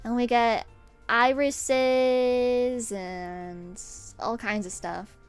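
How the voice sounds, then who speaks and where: A young woman streamer chatting casually to her viewers, bubbly and excitable, often breaking into giggles. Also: a little high, drawn-out words, clear, resonant tone, soft background music. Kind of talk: casual livestream chat.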